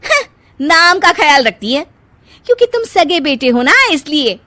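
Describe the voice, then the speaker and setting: A woman acts out a spoiled cartoon sister-in-law who bullies and demands. The voice is pushed shrill and very high, whiny and snappish, with big swings in pitch. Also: animated, normal speed, a bit bright, no echo. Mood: demanding. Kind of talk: Hindi moral cartoon voice acting.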